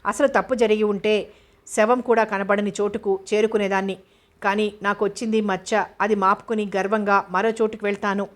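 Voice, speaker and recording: A woman voicing a proud, wronged young woman who speaks indignantly and forcefully, in an audiobook. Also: medium pitch, little pitch movement, moderate pace, natural voice. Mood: defiant. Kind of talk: audiobook character voice.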